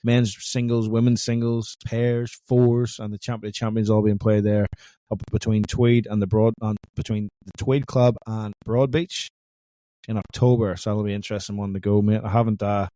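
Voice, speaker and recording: Male co-host, low and mellow, chatty banter, dry close recording. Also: flat delivery, normal speed, no echo. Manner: chatty, joking, leans on "mate". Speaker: podcast co-host. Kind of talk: casual sports chat.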